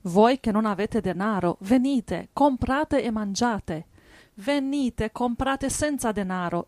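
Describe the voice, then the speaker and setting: Woman reading bible verses, calm and even, dry close sound. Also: on the high side, dry recording. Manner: steady, measured reading. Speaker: scripture reader in a church service. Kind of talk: reading Bible passages aloud.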